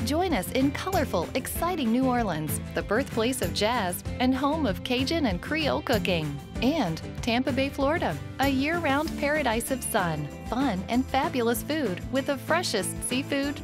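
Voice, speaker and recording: Higher-pitched woman announcer over music. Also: sing-song, normal speed, hardly any pauses. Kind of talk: scripted infomercial narration.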